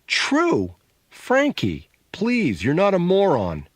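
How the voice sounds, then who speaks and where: A man voicing a sharp-tongued, sarcastic adult sister, needling and scornful, in an audiobook. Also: medium pitch, very animated, a little slow, no room sound, clean studio sound.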